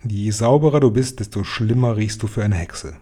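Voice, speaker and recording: A man's voice: fairly low pitch, normal speed, warm tone, slightly rough. A man voicing a stern, knowing old grandmother who gives grave, matter-of-fact warnings in a storybook. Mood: explaining.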